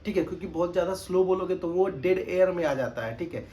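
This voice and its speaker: A man's voice: sits high, fast talker, mellow. A man giving spoken test tips to camera in a casual tutorial, talking in a raised, projected voice and checking in often as he repeats his points. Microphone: camera mic.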